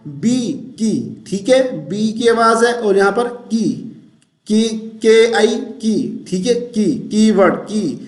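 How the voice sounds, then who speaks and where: A man teaching Quran recitation and pronunciation, patiently repeating syllables slowly and chanting verses in drawn-out tones. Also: high-pitched, roomy sound. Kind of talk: tajweed pronunciation lesson.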